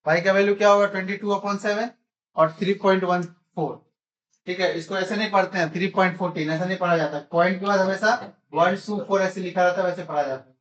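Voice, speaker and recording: A man's voice: sits high, fairly even intonation, quick pace, fairly bright tone, dull audio. A man teaching a classroom math lesson in speech, constantly quizzing his students with repeated questions.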